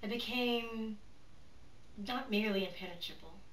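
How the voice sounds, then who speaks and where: A woman playing a proud, cunning, defiant aristocrat in a theatrical monologue, speaking deliberately and emphatically, with dramatic pauses and hushed drops. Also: medium pitch, a little hiss or hum, close to an everyday voice. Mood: proud, controlled. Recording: roomy echo, distant microphone.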